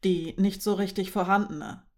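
A woman's voice: mid-range voice, steady tone, moderate pace, darkish tone, lightly acted. A woman voicing Linoschka, a shy, dreamy young woman who speaks hesitantly and carefully.

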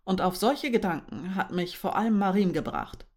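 A woman's voice: mid-range voice, lively intonation, normal speed, darkish tone, lightly acted. A woman voicing Anuka, an eager young friend explaining her ideas in a storybook reading. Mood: musing.

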